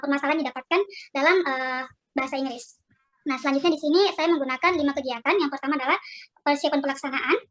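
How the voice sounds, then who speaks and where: A woman's high voice, altered by a voice changer, races through a formal presentation. She explains like a teacher, signposting each section as she goes over a video call. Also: fairly bright tone. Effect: voice changer, digitally disguised voice. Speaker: teacher presenting a project proposal.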